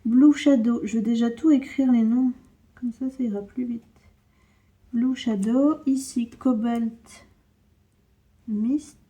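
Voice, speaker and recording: A woman's voice: on the high side, fairly even intonation, slow pace, pauses often, mellow. A young woman chatting casually as she unboxes and swatches paints, narrating each step of her hands-on work with small asides. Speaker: art vlogger.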